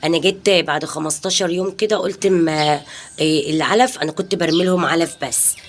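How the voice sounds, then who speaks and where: A woman's voice: on the low side, fast talker. A woman in her thirties with an Egyptian Arabic accent, chatting casually to her followers in a home vlog. She rambles from one point to the next and keeps dropping in pious blessings. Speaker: home vlogger and mother. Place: home balcony.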